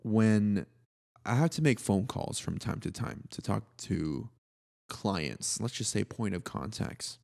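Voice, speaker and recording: Slow and expressive, a man co-hosts a podcast in a deep, slightly mellow voice marked by vocal fry. His conversation is casual, laid-back, and slangy, with a lot of joking.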